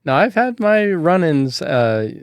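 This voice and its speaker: A man's voice: a little high, sing-song, slow, clean tone, no room sound. A man hosting a podcast who asks questions and tells loose, chatty stories full of filler words. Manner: chatty, loose storytelling with many "like"s. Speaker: podcast host. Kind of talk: casual chat.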